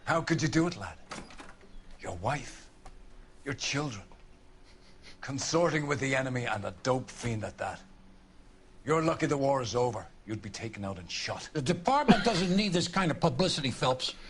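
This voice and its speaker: An actor playing a stern middle-aged police captain who scolds and commands a detective in a game cutscene. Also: male voice, mid-range voice, big pitch swings, normal speed, pauses often, fairly bright tone, a little hiss or hum. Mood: stern scolding. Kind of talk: video game cutscene acting.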